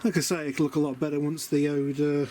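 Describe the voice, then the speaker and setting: British guy doing a diy vlog outside, soft mellow voice, rambling and muttering to himself, windy camera audio. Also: on the high side, flat delivery, fast. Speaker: DIY vlogger showing a camper van conversion. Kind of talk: casual rambling vlog commentary. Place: outdoors by a van beside a house. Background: wind noise.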